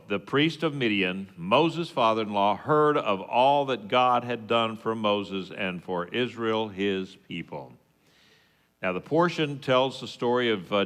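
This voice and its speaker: Slow West Texas twang in a reverberant hall. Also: male voice, fairly low pitch, fairly bright tone. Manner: folksy, halting, plain-spoken asides. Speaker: congregation teacher giving the sermon. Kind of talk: informal teaching sermon with scripture readings. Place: reverberant hall at a worship service.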